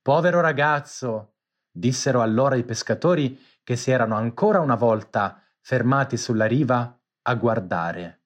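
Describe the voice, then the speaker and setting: A man's voice: mid-range voice, moderate pace. A man narrating a children's storybook, reading aloud expressively.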